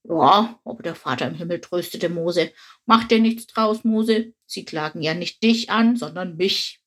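A woman voicing a proud, grumpy old male dung beetle who speaks gruffly and explains things patiently. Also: lowish voice, unhurried, a bit bright. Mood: explaining. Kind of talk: storybook reading.

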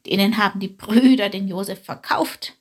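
A woman voicing a female goat in a storybook reading who tells old tales, mildly reproachful, with a breathy voice. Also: medium pitch, normal speed. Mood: storytelling.

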